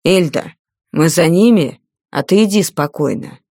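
A woman's voice: fairly low pitch, expressive, unhurried, dark tone, dry recording, clean studio sound. A woman reading a curt, clipped duke. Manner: clipped, dismissive. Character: curt, brisk male duke.

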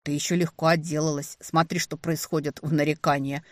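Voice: mid-range voice, little pitch movement, a little fast, no room sound, natural voice. A reader voicing a male dragon, an earnest and worried ally. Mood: concerned. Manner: earnest, concerned.

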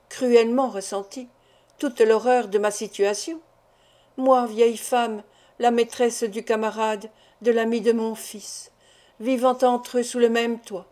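Woman reading a tearful, impassioned older mother, high and warm-toned, audiobook. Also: natural voice. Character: anguished middle-aged mother torn by shameful love.

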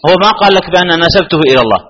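Fast-talking husky male religious teacher. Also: sits high, lively intonation, a bit bright. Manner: repetitive, pressing students for answers. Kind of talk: Q&A lesson with students.

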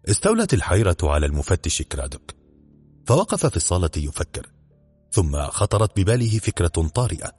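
A man narrating a detective story in a steady, measured audiobook reading. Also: deep voice, breathy edge, soft background music.

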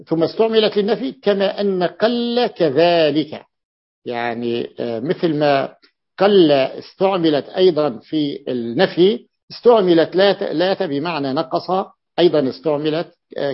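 A man teaching a classical grammar lesson as a sheikh, deliberate and repeating key words, with an "ah" between points. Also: on the high side. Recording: muffled lo-fi recording.

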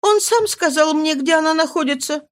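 A woman's voice: high-pitched, normal speed, pitched above the performer's own voice, lightly acted. A woman voicing a desperate young mother, anguished and imploring. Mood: pleading. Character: desperate pleading young mother, grief-stricken.

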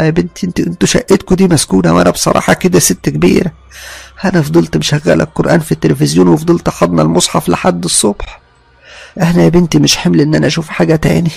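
A man's voice: fairly high pitch, creaky, darkish tone, husky, dry recording, voice pushed up, exaggerated voice. A man voicing a frightened, pious elderly mother-in-law with an Egyptian accent, shaken and pleading. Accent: Egyptian Arabic.

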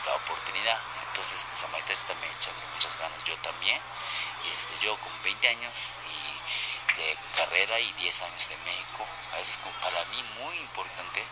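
A man from Japan with a Japanese accent, speaking halting Spanish with many fillers as a guest on a phone interview. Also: deep voice, heavy background noise. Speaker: guest wrestler.

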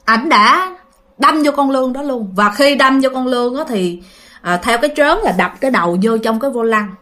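A woman's voice: a little high, normal speed, sharp tone. A woman with a Southern Vietnamese accent casually telling a ghost story, chatting to listeners with fillers and repeats.

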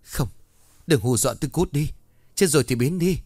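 A man playing a terrified young husband who stammers and shouts in panic. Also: a little high, moderate pace, no room sound, clean studio sound, pitched above the performer's own voice, natural voice. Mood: panicked.

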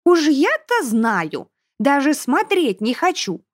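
Shrieking spoiled girl, whiny, very high pitch, swooping, storybook reading. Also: very animated, slow, no room sound, studio quality, exaggerated voice. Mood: whining. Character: shrill spoiled little girl, whiny and tearful.

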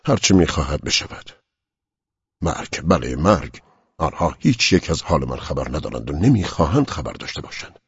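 A man's voice: rumbling low, very animated, slightly rough, no echo, muffled recording, heavily acted. A man voicing a frightened, bitter dying middle-aged judge in an audiobook, in an anguished inner monologue. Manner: anguished inner monologue, rising to near-whispers. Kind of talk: audiobook reading.

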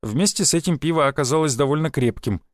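A man narrating a first-person audiobook in a lively, expressive reading. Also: on the high side, fast talker, no echo, clean studio sound.

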